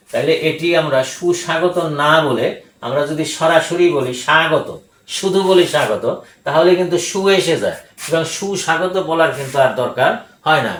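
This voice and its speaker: An older man giving a grammar lesson, speaking deliberately, repeating words for emphasis and pausing with hesitations. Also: on the high side, fairly bright tone. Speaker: grammar teacher. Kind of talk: grammar lecture. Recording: echoey room.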